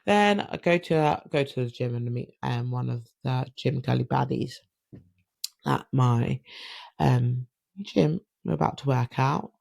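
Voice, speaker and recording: A woman hosting a solo podcast, telling stories in an animated, chatty way. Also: rumbling low, unhurried, gravelly, no room sound. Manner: chatty, animated, acts out quoted dialogue. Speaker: podcast host. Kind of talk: casual solo podcast storytelling.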